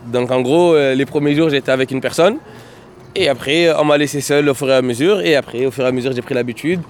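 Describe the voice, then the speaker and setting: A man's voice: mid-range voice, fast talker, slight background noise. Rambling man telling his story outdoors. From Marseille, France. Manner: rambling, full of fillers and "et cetera". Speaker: interviewee. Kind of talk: casual storytelling. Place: outdoors in a city neighbourhood.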